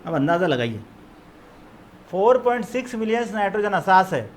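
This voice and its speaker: A man's voice: high-pitched, big pitch swings, normal speed, slight background noise. A man with an Urdu accent from Maharashtra giving a biology lecture, explaining terms twice in Urdu and English. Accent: Urdu-speaking, Maharashtra. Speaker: biology teacher. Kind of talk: classroom lecture.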